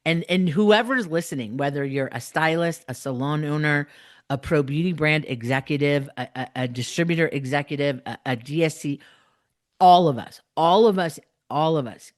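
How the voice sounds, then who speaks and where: A woman's voice: sits low, normal speed. Woman podcaster with slight retainer lisp. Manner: earnest, emphatic, repeats phrases. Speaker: podcast host. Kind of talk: solo podcast talk to listeners.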